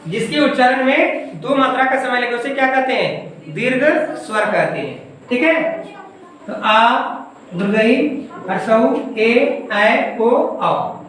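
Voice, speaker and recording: A woman's voice: fairly high pitch, lively intonation, slow, a bit bright. A woman teaching a grammar lesson in a coaching class. She asks the class questions and then answers them herself. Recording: echoey room, from far off.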